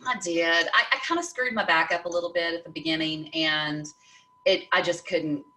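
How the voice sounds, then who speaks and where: A woman hosting a casual conversation, telling stories in an animated way and laughing often. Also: lowish voice, moderate pace, roomy sound, far from the mic, poor audio. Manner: animated storytelling with frequent laughs. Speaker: podcast host.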